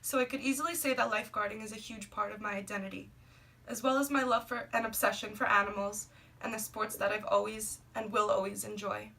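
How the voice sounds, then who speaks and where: A mid-range voice that is gravelly, bright and forceful, with fairly even intonation and a fairly quick pace. The speaker, a twenty-year-old student from Brooklyn, New York, steadily reads a prepared personal presentation for class, listing items. The audio is noisy and somewhat distant.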